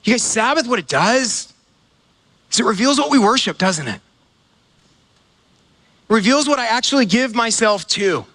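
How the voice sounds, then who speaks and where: A man giving a sermon at a church gathering, with a very high, bright and forceful voice. He talks to the congregation like a friend, stacking up fillers and stumbling repeats as he goes. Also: lively intonation, moderate pace, long pauses. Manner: conversational, full of fillers and repeated words. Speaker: pastor.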